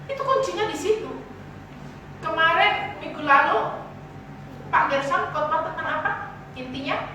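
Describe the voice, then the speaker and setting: A woman preacher giving a lively sermon, teasing and calling out to her congregation. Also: extremely high pitch, normal speed, noisy background. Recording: echoey church hall from far off.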